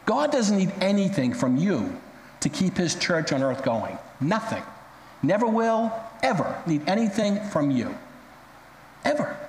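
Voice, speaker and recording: A man's voice: a little high, echoey room, big-room sound, slight background noise, poor audio. A male pastor preaching a sermon, telling stories dramatically and acting out the quotes. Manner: dramatic storytelling with acted quotes.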